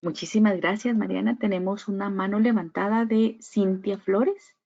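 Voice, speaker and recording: A woman's voice: mid-range voice, fairly even intonation, moderate pace, creaky, mellow. Courteous woman moderator, dull lo-fi sound. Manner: brief and courteous. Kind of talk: moderating questions from chat.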